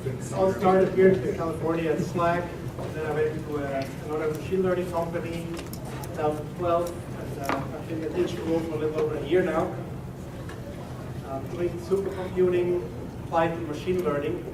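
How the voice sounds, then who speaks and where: At a tech meetup in a company office meeting room, a presenter from Switzerland gives a technical talk in a Swiss German accent. He speaks at a fairly high pitch and moderate pace, loose and conversational, often saying "uh" and "um". The distant room recording picks up echo and background noise.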